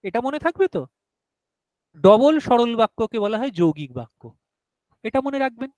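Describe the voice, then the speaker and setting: A man's voice: very high-pitched, very animated, moderate pace, a little mellow, no room sound, poor audio. A male teacher giving a grammar lesson to a class, explaining step by step and often asking whether everyone has understood.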